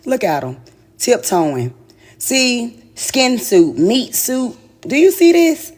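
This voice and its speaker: A woman with a somewhat high voice runs a live tarot reading stream. She talks in a casual, slangy storytelling way, exclaiming and laughing often as she goes. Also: wildly swooping pitch, takes it slowly, a little mellow. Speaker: tarot reader.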